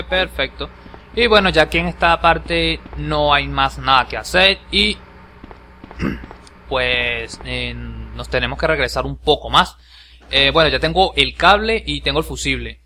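A man giving let's play commentary on a game he is playing. He is excitable, swearing and yelping whenever the game attacks him. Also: on the high side, unhurried, a little hiss or hum. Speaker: gameplay commentator. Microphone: home voice recording over game capture. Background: game music.

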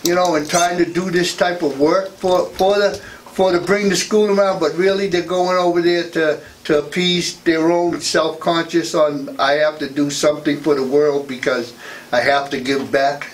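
A man's voice: fairly high pitch, little pitch movement, normal speed, slight background noise, poor audio. A man co-hosting a radio talk show, asking long, rambling questions with many restarts into a studio mic. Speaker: co-host. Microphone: studio boom mic.

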